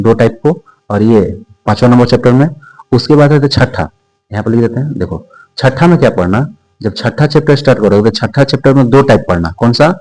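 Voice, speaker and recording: A male math teacher walks students through an exam-prep lesson. He repeats each key term several times and answers the questions he puts to the class. His voice sits at an ordinary middle pitch. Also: a little mellow, poor audio. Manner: repetitive, asks and answers own questions.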